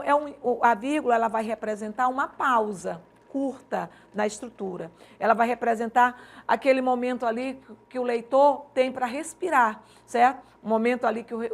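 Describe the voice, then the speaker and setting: Woman, language teacher, exam-prep lesson, slightly high voice, gravelly fry, explanatory, checks in with listeners. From Maranhão, Brazil. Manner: explanatory, uses rhetorical questions and checks like "certo?".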